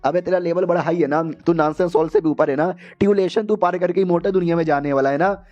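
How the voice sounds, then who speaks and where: Brief: man playing a flustered, over-the-top sect master, high and soft-toned. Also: fast, lo-fi sound, close to an everyday voice. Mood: excited. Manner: exasperated, excitable, over-the-top praise. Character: baffled male sect leader and master, excitable.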